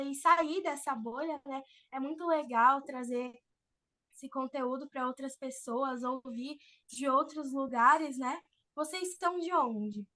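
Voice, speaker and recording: A woman giving an informal online talk on public speaking, expressive and acting out the voices she quotes. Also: high voice.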